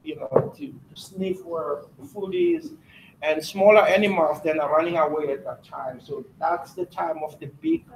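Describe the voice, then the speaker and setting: A South African man with a high voice teaches a class and keeps throwing questions at the children, with halting uhs between his points. He is picked up from across a roomy classroom with faint noise behind him. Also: expressive, far from the mic. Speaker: guest speaker to schoolchildren. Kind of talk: classroom talk.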